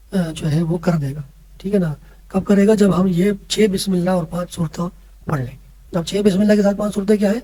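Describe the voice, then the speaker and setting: A man's voice: high voice, dark tone, husky, poor audio. A man teaching a religious lesson to children, patiently explaining and often checking that they follow. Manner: patient, keeps checking in with listeners.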